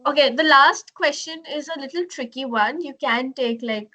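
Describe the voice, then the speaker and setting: A woman's voice: high voice, moderate pace, pushed and bright. A woman hosting a business webcast, asking questions in a playful, casual way and laughing often. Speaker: webcast host. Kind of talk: casual interview chat.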